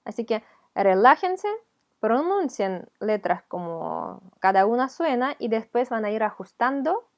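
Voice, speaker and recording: Woman teacher w/ ukrainian accent, patient, walks thru each step slowly. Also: on the high side, very animated. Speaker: language teacher. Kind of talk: video lesson.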